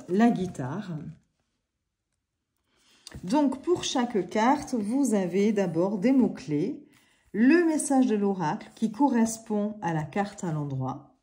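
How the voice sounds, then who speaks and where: A woman's voice: medium pitch, warm tone. A woman casually reviewing an oracle deck at home, chatty, with many fillers and little apologies. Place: living room at home. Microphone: camera on a tripod.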